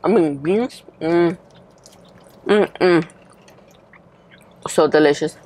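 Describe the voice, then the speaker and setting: A woman's voice: deep voice, extremely slow, warm tone. A woman reviewing food in casual chat, speaking with her mouth full of food and savoring it with lingering hums.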